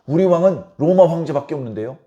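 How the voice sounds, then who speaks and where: Flippant, insolent high priests, put on by a man preaching, tossing off their replies with a cocky lilt. The pitch jumps up and drops away within a phrase, and the voice sits slightly high for a man. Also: animated, fast talker, warm tone, reverberant, dull audio, lightly acted. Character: defiant high priests, men of the religious elite.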